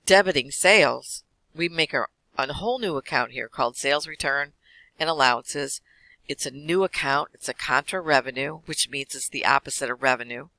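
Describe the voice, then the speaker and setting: A man teaching an accounting class, walking through lecture slides quickly with casual fillers. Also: medium pitch, sharp tone, no echo, poor audio. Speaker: accounting instructor.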